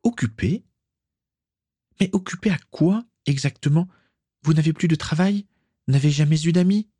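A man's voice: fairly high pitch, lively intonation, measured pace, warm tone, breathy edge, no echo, voice pushed up. A man voicing an anxious young woman pleading with her father in a storybook reading. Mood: upset.

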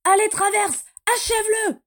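A woman voicing a fierce, excitable young dark witch in a fantasy audiobook, who shouts eagerly and hisses when angry. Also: medium pitch, unhurried, lightly acted. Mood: gleeful shouting.

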